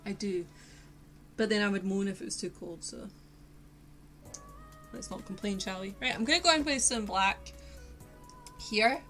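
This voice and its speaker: A young woman from Scotland with a posh Glaswegian accent chats casually with her live-stream viewers while she paints, rambling and poking fun at herself. Her medium-pitched voice is a bit bright, at a normal speed with frequent pauses, and faint lo-fi music plays behind her.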